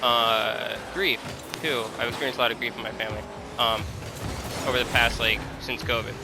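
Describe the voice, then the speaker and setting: A man in his early twenties talks in a casual, confiding way over gameplay. His pitch is average for a man and his delivery is hesitant and self-deprecating. Music plays clearly behind him. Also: steady tone, moderate pace. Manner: hesitant, searching for words. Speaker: gaming content creator.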